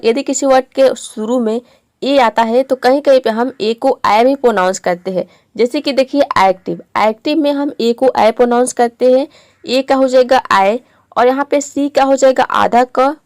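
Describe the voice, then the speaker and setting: Patient woman teacher, pitched a little high, dry and close, repeats every example word. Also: darkish tone, no room sound. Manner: patient, explains step by step and repeats words. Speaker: English pronunciation teacher. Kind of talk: classroom-style video lesson.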